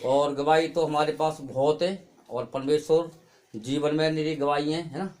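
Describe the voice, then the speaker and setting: High-voiced man telling a church testimony. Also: fairly even intonation, moderate pace, noisy background. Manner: chatty storytelling with frequent "hai na" tags. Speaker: church member giving testimony. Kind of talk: spoken testimony at a prayer meeting.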